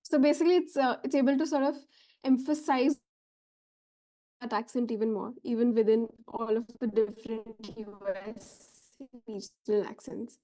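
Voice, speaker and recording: Chatty woman host, mellow tone. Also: a little high, steady tone, moderate pace. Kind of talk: casual tech explainer.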